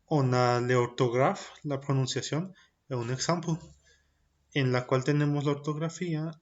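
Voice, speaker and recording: This recorded primary-school lesson features a man whose voice is slightly high and a bit mellow, captured with lo-fi sound. Speaking slowly and with care, he gives each French point to young children, restates it in Spanish, and has them practice pronunciation.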